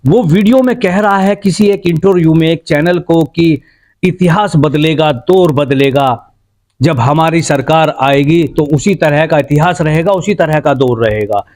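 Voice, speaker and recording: A male reporter conducts a field news interview. His voice sits a little high for a man. He asks leading questions and sums up the answers back. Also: unhurried, darkish tone.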